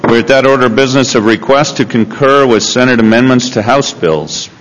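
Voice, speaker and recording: A man presiding over a legislative session, making brisk formal procedural announcements in a legislative chamber. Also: medium pitch, background noise. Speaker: presiding speaker of the house. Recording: long reverb in a large chamber.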